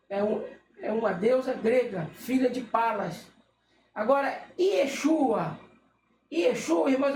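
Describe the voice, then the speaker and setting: A religious teacher, explaining casually while reading from a list, often checking in with the listener and stopping to correct themself. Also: mid-range voice. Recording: echoey room with faint noise.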